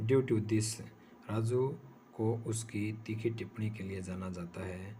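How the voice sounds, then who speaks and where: A man's voice: fairly low pitch, steady tone, slow, mellow, slight background noise. A man teaching English vocabulary in Hindi, explaining patiently and repeating each word and example.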